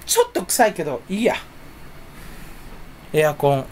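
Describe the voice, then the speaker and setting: A young man rambles through a solo stream at his computer, half talking to himself and teasing himself about how forgetful he is. His pitch swings widely and playfully from line to line. A faint background hum sits under his voice. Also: wildly swooping pitch, moderate pace, darkish tone. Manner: rambling, self-mocking, mumbles to himself. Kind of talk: casual solo chat while browsing online.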